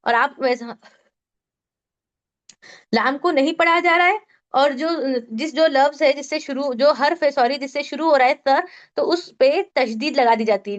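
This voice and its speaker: High-voiced woman teaching recitation rules. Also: dull audio. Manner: patient, explains step by step with questions to students. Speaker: tajweed teacher. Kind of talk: online Quran recitation lesson.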